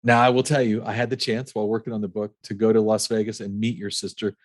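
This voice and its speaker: Male podcast host, enthusiastic recapper, low voice, dry sound. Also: little pitch movement, fast, no echo. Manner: enthusiastic, recaps the guest's story. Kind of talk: interview podcast conversation.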